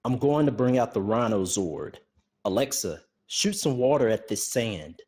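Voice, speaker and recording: A man's voice: medium pitch, expressive, unhurried, darkish tone, husky, voice pushed down. A man voicing an earnest, determined young male ranger leader in a fan audiobook. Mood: commanding. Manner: firm, earnest, grieving but resolute. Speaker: audiobook narrator.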